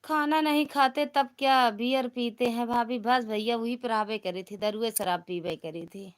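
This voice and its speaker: A woman's voice: on the high side, moderate pace, clean tone. A woman with an Awadhi accent hosting a casual live stream, bantering with viewers in a teasing, rustic way. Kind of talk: casual live chat reading comments.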